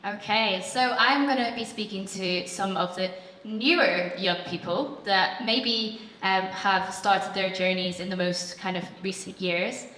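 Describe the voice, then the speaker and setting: A woman presents on stage in an encouraging way. Her voice is bright, medium in pitch, and echoes around a slightly noisy hall. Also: measured pace. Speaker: programme staff member hosting on stage. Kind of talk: live stage introduction. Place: large event hall, on stage. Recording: echoey hall, background noise.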